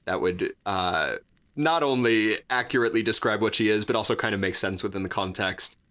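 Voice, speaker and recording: A man's voice: fairly low pitch, brisk, sharp tone. A man co-hosting a podcast, chatting casually in a rambling, jokey way full of fillers and restarts. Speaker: podcast co-host. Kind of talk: casual chat.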